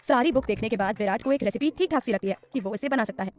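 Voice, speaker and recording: A woman storyteller reads a serial story at a brisk pace. Her voice sits a bit high, and her reading stays steady and even. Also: faint music behind.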